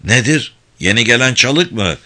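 A man's voice: mid-range voice, lively intonation, normal speed, pushed and bright. A man voicing a coarse, threatening young male senior student who barks and scolds in an audiobook. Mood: bullying. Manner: gruff, barking and scolding. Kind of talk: audiobook character voice.

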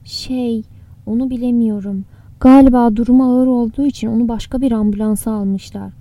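A woman's voice: on the high side, steady tone, fairly quick, warm tone, no echo, close to an everyday voice. A woman reading a distraught young man. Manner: urgent, breathless worry. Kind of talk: audiobook character reading.

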